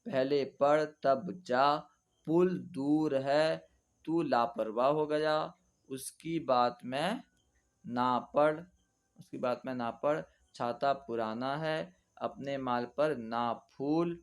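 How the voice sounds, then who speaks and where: A man teaching Urdu reading, spelling words out letter by letter and then reading them slowly and patiently. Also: medium pitch, clean tone. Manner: patient explaining teacher, often says "theek hai". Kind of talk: slow spelling-out lesson.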